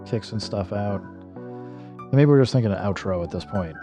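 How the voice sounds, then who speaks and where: Low-voiced man thinking aloud over music. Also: normal speed. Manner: thinking aloud, trailing off, self-correcting. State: slightly losing his voice. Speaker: music producer streaming. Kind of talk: casual livestream walkthrough. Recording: music playing behind.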